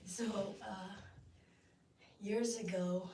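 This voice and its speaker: A woman chatting casually on a live stream while decorating her office, a bit hoarse from a cold and rambling with lots of ums. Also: mid-range voice, fairly even intonation, very slow, warm tone, slight background noise. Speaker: vlogger.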